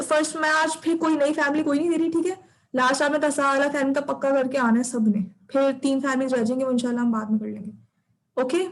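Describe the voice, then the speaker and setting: A woman teaches Arabic grammar to an online class in a high, clear voice. She goes over each term slowly and checks that her students follow. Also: poor audio. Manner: patient, repeats terms and checks understanding.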